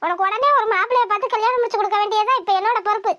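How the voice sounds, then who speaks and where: Woman playing a high-pitched scolding old grandma in a village cartoon, dry close voice. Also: racing, fairly bright tone, no echo, lo-fi sound. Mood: bossy. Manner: scolding, nagging, dramatic wailing.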